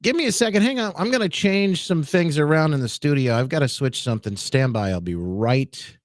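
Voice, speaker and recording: A man's voice: a little high, animated, brisk, no echo. A man hosting a talk radio show, chatting casually and greeting listeners by name from his studio. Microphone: studio microphone.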